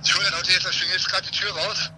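Guy on speakerphone, phone call w lots of noise behind, kinda high voice, slangy chat. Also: flat delivery, fast. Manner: slangy, offhand banter. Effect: heard over a phone on loudspeaker. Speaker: phone-in friend. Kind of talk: casual chat. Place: walking outdoors to a workshop.

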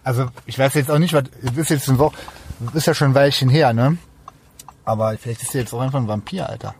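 A man's voice: mid-range voice, fast. A man in casual chat, telling a long rambling anecdote full of fillers, recorded inside a car. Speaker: storyteller. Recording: loud car road noise.

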